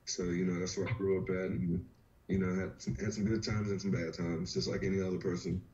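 Guest, man in his thirties from Virginia, very deep and laid-back, dull lo-fi video call sound. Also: a little fast. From rural Virginia. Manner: laid-back, relaxed storytelling with "you know". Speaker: fighter, podcast guest. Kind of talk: casual interview. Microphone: webcam or laptop on a video call.

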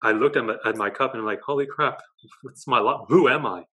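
A young Australian man, a dating coach, joins a video call interview from his living room. His mid-range voice moves quickly as he tells his story animatedly, gesturing a lot and tagging lines with "right?"

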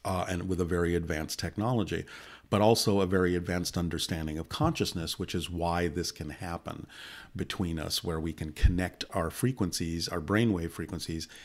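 A man in his sixties with a deep, low voice talks at a measured, even pace. He recounts a long personal story in a steady, unhurried way, seated close to a studio microphone. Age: 60s. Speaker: guest. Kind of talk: long personal account in conversation. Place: indoor studio set. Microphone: boom-mounted studio mic close by.

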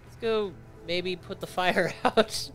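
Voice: mid-range voice, fairly even intonation, slow pace, a bit bright, soft background music. A man co-hosting a casual gaming session, upbeat and guiding the others through the game. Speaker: co-host playing a game.

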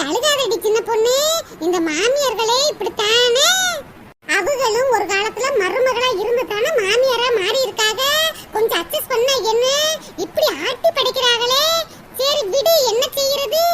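In this cartoon voice acting, a woman speaks at normal speed in an extremely high pitch, using a south Tamil Nadu accent to play a neighbor among chatty village women. Gossipy yet consoling, she addresses others as akka and di, and the background noise is loud.

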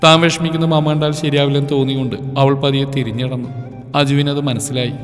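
Male narrator for a serialized audio novel, measured, reverberant, music bed. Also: medium pitch, flat delivery. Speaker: storyteller.

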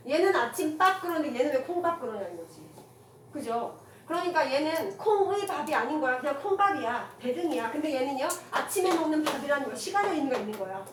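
A woman teaching a classroom grammar lecture, firing quick rhetorical questions at her students and mixing casual with polite speech. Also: sits high, sing-song. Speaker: Korean language teacher. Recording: echoey room from far off, noisy.

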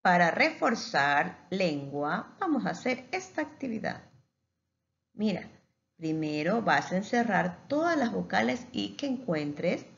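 A woman teacher giving a patient phonics lesson to young children, stretching words out slowly. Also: medium pitch, sing-song, gravelly, highs cut off.

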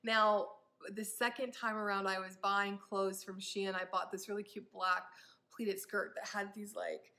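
Bright, chatty young woman vlogger. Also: medium pitch, flat delivery, unhurried. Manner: chatty, upbeat, trailing off with ums. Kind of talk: casual try-on haul chat.

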